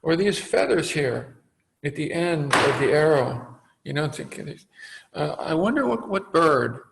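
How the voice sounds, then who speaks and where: A man voicing a calm, patient male sage who teaches by asking questions. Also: on the high side, unhurried, creaky, noisy background.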